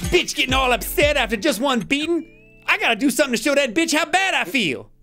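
Goofy squeaky puppet popstar dude, cocky n bratty, super animated, music behind. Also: quick pace, exaggerated voice. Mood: boastful, excited. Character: cocky hot-tempered male pop star sock puppet, shameless. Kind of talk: puppet parody sketch.

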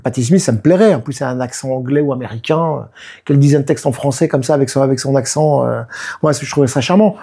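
Husky, mellow-voiced man in his fifties. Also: medium pitch, fast. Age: 50s. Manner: lively storytelling, often acts out what people said. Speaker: musician and producer, guest. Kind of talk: casual interview talk.

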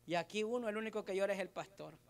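A man, a pastor preaching a sermon to his congregation, asking them questions and swinging between loud and soft delivery. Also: high voice, fast, vocal fry. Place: church service.

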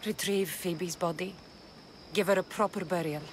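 A woman's voice: lowish voice, fairly even intonation, moderate pace, slight background noise, natural voice. A woman playing Kassandra, a determined warrior. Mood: urgent. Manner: firm, urgent commands. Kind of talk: video game cutscene acting.

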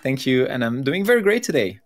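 Man from Belgium, thirties, animated storyteller, video call desk mic. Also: mid-range voice, a little fast. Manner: animated, laughs often, gestures while talking. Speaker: podcast guest. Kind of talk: conversational storytelling. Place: home room with plain blue wall.

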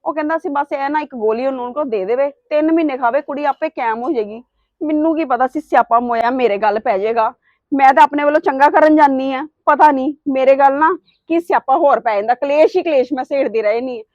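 A woman's voice: high-pitched, a little fast, a little mellow, no room sound, lightly acted. A middle-aged woman acting a mother who defends herself to her son-in-law in a family drama. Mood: defensive. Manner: defensive, pleading. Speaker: wife's mother. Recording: dull dry sound.

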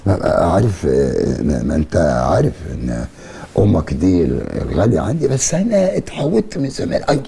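Brief: a stubborn retired general uncle, Egyptian accent, dark rough voice, blustering. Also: male voice, huge pitch swings, brisk, full character voice. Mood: flustered. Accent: Egyptian Arabic. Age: older. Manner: blustering, stammering, pitch jumping high.

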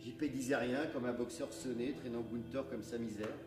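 A man giving a public reading of a story on a theatre stage, in a measured, dramatic storytelling manner. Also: mid-range voice, fairly even intonation, over music. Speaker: reader. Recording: echoey theatre from far off.

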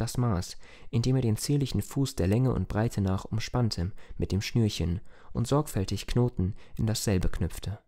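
Low, mellow male audiobook narrator. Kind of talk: scripted narration.

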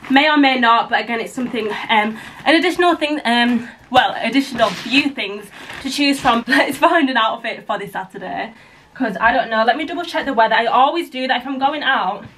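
A woman's voice: on the high side, brisk, a bit bright, a little hiss or hum, poor audio. A young woman from Britain chatting casually to camera at home, rambling and filling her talk with "like" and "blah, blah, blah". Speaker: vlogger. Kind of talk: casual vlog chat to camera. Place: at home indoors.

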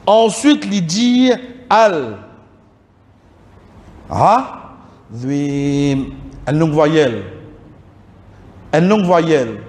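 A man giving a religious lesson in a mosque hall, slowly repeating Arabic words to correct their pronunciation. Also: high-pitched, a little mellow. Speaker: religious teacher.

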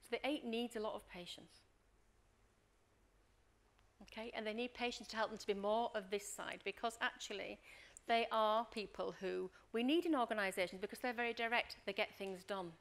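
A middle-aged woman coaches a workshop at a moderate pace in a mid-range voice. As a leadership coach and trainer, she tells lively stories, acts out scenes, and often checks in with the room by saying "Okay?"

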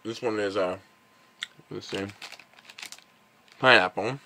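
A man's voice: on the low side, slow, gravelly, pushed and bright, a little hiss or hum. A man vlogging at home, tasting and reviewing candy in a rambling, casual way, full of fillers, sometimes talking while chewing. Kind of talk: casual chat. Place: at home with his dog.

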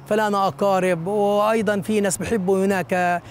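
A man's voice: high voice, little pitch movement, brisk, slight background noise. A middle-aged man, explaining local history and geography in an outdoor interview on an open hillside. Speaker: local guide.

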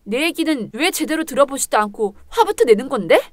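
A woman's voice: sits high, lively intonation, a little fast, dry recording. A woman playing a firm, hurt pregnant wife. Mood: indignant. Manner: restrained, firm, polite. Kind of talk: dramatized story reading.

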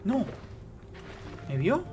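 A man doing live gameplay commentary, excitable, repeating phrases rapidly and talking straight to his chat. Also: sits high, over music. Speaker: gaming streamer.

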